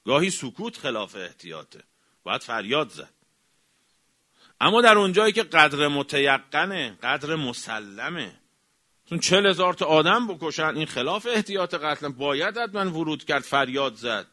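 Delivering a religious lecture, this male cleric speaks with strong emphasis and large pitch swings. He builds up to loud exclamations, then drops down to hushed, low comments.

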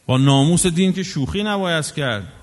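A man's voice: on the high side, animated. A man delivering an impassioned sermon, scolding and full of rhetorical questions. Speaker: preacher. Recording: long hall reverb.

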